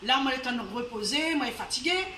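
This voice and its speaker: A woman's voice: high voice, lively intonation, very fast, pushed and bright, a little hiss or hum. A woman storyteller voicing a tired, humble poor man who speaks in an easygoing way but protests when pushed. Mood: calm. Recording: roomy, distant live venue recording.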